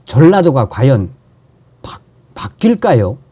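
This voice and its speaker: A man's voice: mid-range voice, sing-song, slow pace, dark tone, breathy edge. A middle-aged man who reads a news report and then turns to opinionated commentary, asking his viewers indignant rhetorical questions. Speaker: YouTube political commentator.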